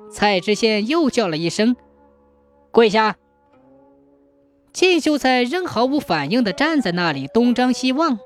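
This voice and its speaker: Woman telling a folk tale over music. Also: fairly high pitch. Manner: lively, expressive storytelling. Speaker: storyteller.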